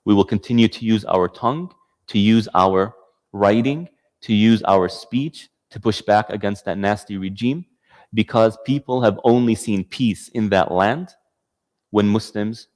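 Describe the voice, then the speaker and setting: A man's voice: lowish voice, a little slow, a little mellow, in a large hall. A man giving a passionate talk to an audience, driving his points home with rhetorical questions, then taking their comments. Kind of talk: lecture with audience Q&A.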